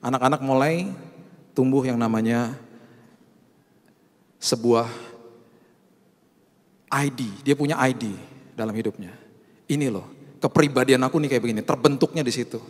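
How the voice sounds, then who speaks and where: A middle-aged male pastor, telling animated stories in a sermon and mixing in English phrases. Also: mid-range voice, moderate pace, long pauses, big-room sound.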